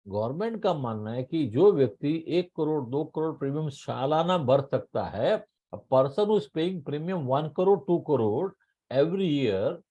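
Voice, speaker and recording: A middle-aged man with an Indian accent giving a training talk on tax law, speaking slowly and emphatically, repeating key points and mixing Hindi with English. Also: a little high, warm tone. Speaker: insurance trainer.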